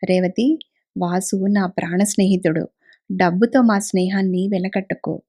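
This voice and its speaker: A woman's voice: mid-range voice, steady tone, unhurried, natural voice. Caring village doctor, read by a woman. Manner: gentle, caring, reassuring. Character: kindly middle-aged male village doctor. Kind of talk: audiobook character reading.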